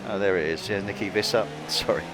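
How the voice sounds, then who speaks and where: A man's voice: sits low, steady tone, fast, very noisy. A man commentating a race casually, chatty and self-deprecating, often laughing at his own slips. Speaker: lead commentator.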